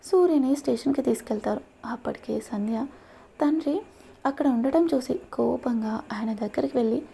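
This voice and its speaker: Gravelly-voiced woman telling a story. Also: on the high side, moderate pace. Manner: steady, dramatic storytelling. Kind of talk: scripted story narration.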